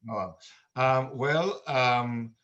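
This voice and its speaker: An older man from Israel, now a musician, talking earnestly and haltingly with many fillers on a video call. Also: mid-range voice, fairly bright tone. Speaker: musician and meditation guest. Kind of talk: casual video-call chat. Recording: dull lo-fi video-call audio.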